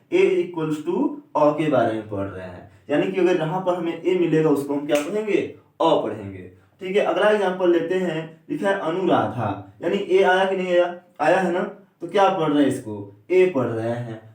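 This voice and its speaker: A man teaching an English pronunciation lesson. He keeps asking questions and answering them himself, and he slows down to spell out vowel sounds. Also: fairly high pitch, darkish tone. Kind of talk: classroom lecture. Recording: echoey room, a bit far from the mic.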